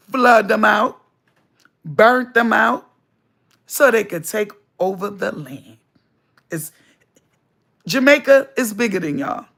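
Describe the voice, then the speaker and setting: Lady on a spiritual livestream, gravelly voice, real slow, preachy and keeps repeating herself. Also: a little high, fairly bright tone. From United States. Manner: emphatic, preachy, repeats lines for stress. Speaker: livestream host.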